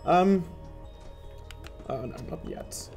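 Gaming commentator, male, mellow tone, unhurried delivery, exasperated and profane. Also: sits high, expressive, soft background music. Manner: frustrated, swearing, talking to himself. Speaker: gameplay commentator. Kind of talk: let's play commentary.

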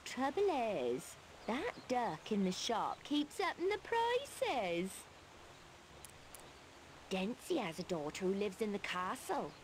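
A woman's voice: medium pitch, huge pitch swings, slow, a little hiss or hum. A woman voicing a friendly, gossipy village woman in a video game, talking politely. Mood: chatty.

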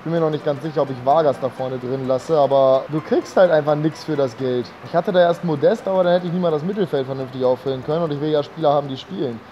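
This young adult male vlogger has a fairly high, warm voice and talks fast with few pauses, though he has a slight cold. His casual, upbeat, slangy chat to the camera is captured at arm's length on a phone or camera, and the audio is dull with a little hiss or hum. Scenes shift between outdoor residential streets and an indoor living room.

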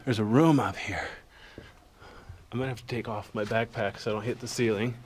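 A man quietly narrating as he explores a lava tube cave with a handheld camera, a little out of breath and muttering asides. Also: on the low side, steady tone, fairly quick, a little hiss or hum. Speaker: cave explorer filming himself.

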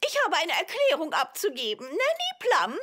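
Piercingly high, gushing fairy lady. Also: wildly swooping pitch, normal speed, pushed and bright, full character voice. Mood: effusive. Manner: effusive, declamatory. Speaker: cartoon voice actor. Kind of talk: animated children's cartoon dialogue.

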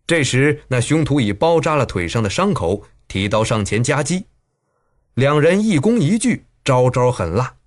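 A man narrating a martial-arts audiobook with dramatic, animated delivery. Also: moderate pace. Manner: dramatic, highly animated reading.

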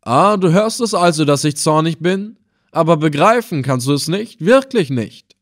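A man's voice: medium pitch, expressive, unhurried, close to an everyday voice. A man voicing a sneering slave trader. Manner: sneering, threatening. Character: cruel male slave trader, scornful and furious. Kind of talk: audiobook character voice.

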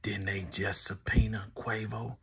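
A man's voice: fairly low pitch, flat delivery, measured pace, vocal fry, pushed and bright, slight background noise. A man hosting a commentary video, teasing and mocking the person he talks to and laughing often. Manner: teasing, laughs often, addresses the subject directly. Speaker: commentary host. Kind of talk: mocking commentary speaking to the camera.

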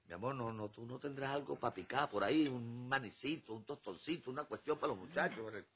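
An actor playing a comic, lazy husband recovering at home in a telenovela, with a whiny, joking manner. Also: male voice, mid-range voice, a little fast, a bit bright, a little hiss or hum, lightly acted. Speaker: soap opera character. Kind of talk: telenovela comedy acting.

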